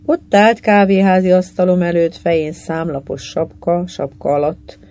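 A narrator reading a literary short story aloud in a measured, unhurried way. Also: mid-range voice, a little mellow, dull audio.

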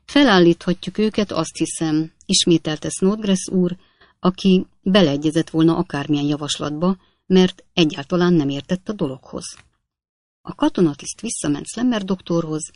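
An audiobook narrator reading a classic comic novel aloud, with measured, even storytelling at a mid-range pitch. The voice sits close and dry, with no room sound around it. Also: no echo.

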